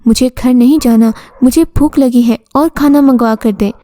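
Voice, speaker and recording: A woman's voice: high voice, moderate pace, dark tone, no echo, lightly acted. A woman voicing a greedy, defiant little girl in a storybook tale, reading her lines in an insistent, demanding way.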